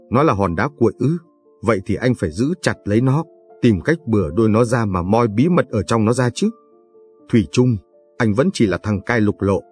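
A man reading the part of a scheming party leader who scolds his underling slowly and with contempt, in an audiobook narration. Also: mid-range voice, darkish tone, close to an everyday voice. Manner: slow, measured, scornful. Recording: dry, faint background music.

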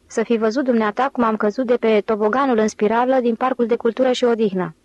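A woman's voice: a little high, steady tone, darkish tone, no echo, dull audio, lightly acted. A woman reading an audiobook, voicing a disdainful male photographer who brags about his falls. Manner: disdainful, boastful. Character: boastful, scornful male press photographer.

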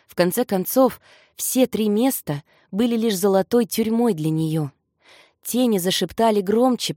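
A woman reading a fantasy novel aloud as an audiobook narrator, in measured, even storytelling. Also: mid-range voice, no echo, studio quality. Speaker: audiobook reader. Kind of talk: scripted narration.

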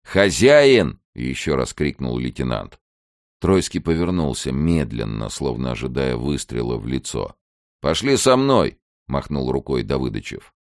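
A man reading a novel aloud, voicing every character, with lively delivery that rises sharply for shouted dialogue. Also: extremely low pitch, normal speed, no echo, clean studio sound. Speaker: audiobook narrator.

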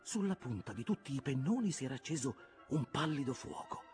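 A man narrating an audiobook of a classic novel in a calm, measured reading. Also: mid-range voice, soft background music. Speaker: audiobook reader. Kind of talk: scripted narration.

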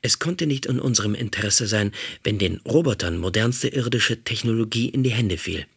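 A man giving a calm, measured audiobook narration. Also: lowish voice, gravelly, slightly rough.

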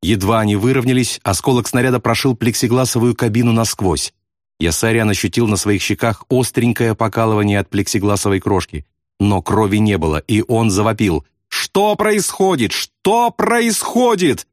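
A man narrating a novel in a steady, vivid literary reading. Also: on the low side, fairly quick, no echo, clean studio sound. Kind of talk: audiobook narration.

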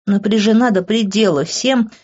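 A woman narrating a romance audiobook in the first person, in a steady, expressive manner. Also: mid-range voice, normal speed, lo-fi sound. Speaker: audiobook reader.

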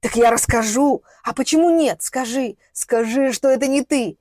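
A woman's voice: mid-range voice, normal speed, darkish tone, dry recording, clean studio sound, lightly acted. A woman reading the lines of a desperate middle-aged man searching for his missing daughter, with strained, pleading outbursts.

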